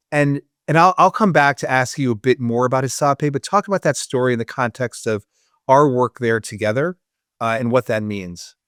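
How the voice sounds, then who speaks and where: Male podcast host, clear voice, close dry mic, loose casual delivery with restarts. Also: medium pitch, a bit bright, no echo. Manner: conversational, many fillers and restarts. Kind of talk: casual interview chat.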